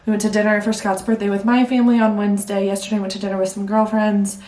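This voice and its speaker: A woman's voice: medium pitch, level tone, fast talker, a little mellow, slight background noise. A young woman vlogging at home, breathless, chatting casually and rambling, laughing at herself. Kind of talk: casual chat to camera. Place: at home indoors. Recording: roomy echo, mic at a distance.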